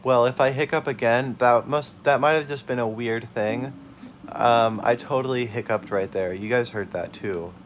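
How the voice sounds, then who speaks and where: A man's voice: mid-range voice, moderate pace, few pauses, a little hiss or hum. A young man casually commenting on a video game as host, laughing and yelping at his own mishaps. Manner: excitable, yelps and laughs at mishaps. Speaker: let's play host.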